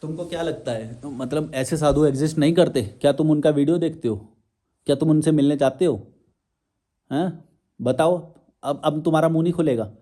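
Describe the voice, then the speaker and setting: Combative young man, mellow voice. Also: fairly high pitch, a little fast. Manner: combative, challenging, rhetorical questions. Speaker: social media commentator. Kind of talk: confrontational monologue to viewers.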